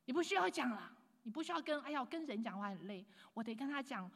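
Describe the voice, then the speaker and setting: A woman preaching a sermon with lively emphasis, dropping to hushed asides and mixing in English phrases. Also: fairly high pitch, fast. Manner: swings between loud emphatic lines and hushed asides. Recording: long hall reverb.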